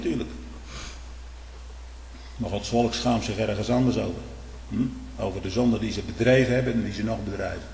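A man preaching a fiery, denouncing sermon, swinging from quiet warnings to loud outbursts and repeating words for emphasis. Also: on the low side, vocal fry, slight background noise. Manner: tag questions like "hè?". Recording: echoey hall with long reverb.

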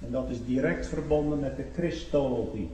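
Guy preaching in a church, far off the mic, big echoey hall, gets loud and slow then drops quiet, lots of "hm?". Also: medium pitch. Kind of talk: sermon.

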